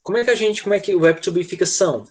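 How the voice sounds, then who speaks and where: A husky-voiced man teaching an online class over a computer mic, his pitch sitting a little high for a man. He explains grammar patiently, checks in with students all the time and slows right down to model each word. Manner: slows down to model English words. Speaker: English teacher.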